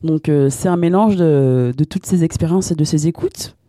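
A woman's voice: sits low, normal speed, dark tone, no echo, clean studio sound. A woman singer from France, answering radio interview questions with many fillers and restarts. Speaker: singer guest.

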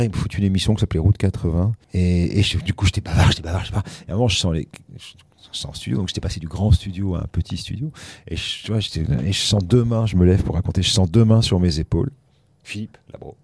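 A middle-aged man with a low voice tells career stories in relaxed interview chat. He keeps restarting his sentences. The recording is dry and close, with no room sound. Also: fast talker, breathy edge, no room sound. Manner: anecdotal storytelling with many restarts. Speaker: radio host recalling his career.

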